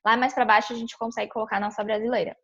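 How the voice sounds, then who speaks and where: A young woman from São Paulo with a Brazilian accent walks through a visa application in a casual screen-share tutorial, chatting loosely with many fillers and restarts. Her slightly high voice is husky and fairly bright, delivered flat and very fast. The indoor audio comes through a dull, lo-fi webcam mic.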